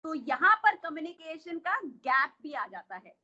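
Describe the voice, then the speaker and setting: High bright Indian woman teaching. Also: sing-song, unhurried, highs cut off. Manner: explains patiently with many questions to listeners. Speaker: coach. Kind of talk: online workshop lesson.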